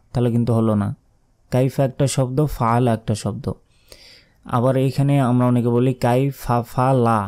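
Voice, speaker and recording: A man with a Bangladeshi Bengali accent teaching correct Quran pronunciation, repeating words slowly and breaking into a rising melodic chant to recite. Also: medium pitch, mellow.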